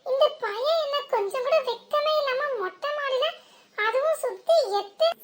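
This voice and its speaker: A woman's voice: very high voice, moderate pace. A woman voicing a chatty, teasing young village wife in a comic cartoon, with a southern Tamil Nadu accent and gossipy muttered asides. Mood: grumbling asides.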